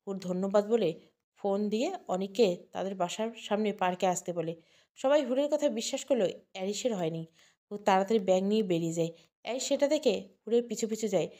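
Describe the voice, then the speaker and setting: A woman narrating an emotional audio story in an even, heartfelt way. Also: mid-range voice, fast talker.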